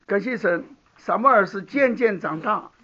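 A man with a high, animated, bright voice preaches a Bible sermon at normal speed with a forceful tone. He teaches conversationally, often checking in with listeners by asking the room "好不好". The recording sounds dull and lo-fi.

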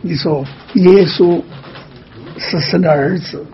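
A man's voice: high-pitched, takes it slowly, highs cut off. Patient man teaching like a pastor. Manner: patient, teaching, keeps asking 'all right?' softly. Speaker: pastor answering a caller. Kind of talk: pastoral counseling.

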